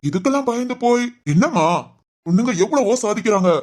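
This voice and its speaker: A woman playing a gentle, encouraging middle-aged father in an amateur family drama, speaking in a fast, soothing way. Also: a little high, expressive. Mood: reassuring.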